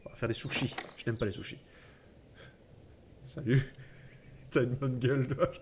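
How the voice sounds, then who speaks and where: A man's voice: medium pitch, steady tone, a little slow, slight background noise. A man hosting a let's play, giving casual gaming commentary, sarcastic and joking, swearing and mocking the game text he reads out.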